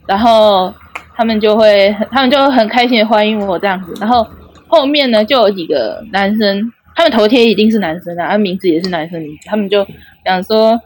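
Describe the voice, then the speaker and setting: A woman's voice: medium pitch, brisk. A young woman with a Taiwanese Mandarin accent telling a personal story in a chatty way, full of filler tags. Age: young adult. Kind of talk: casual personal anecdote.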